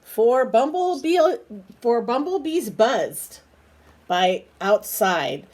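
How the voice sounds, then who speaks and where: A woman's fairly high voice, darkish in tone, swings widely in pitch as she reads a picture book aloud for children. She keeps an unhurried pace and turns aside now and then to coax a little bird with simple, chatty questions.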